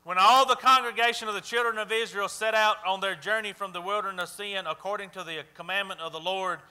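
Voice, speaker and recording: A man's voice: sits high, fairly even intonation, fast talker, sharp tone, clear, resonant tone. A man preaching a sermon to a congregation, emphatic and often stopping to ask the listeners whether they are following. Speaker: pastor.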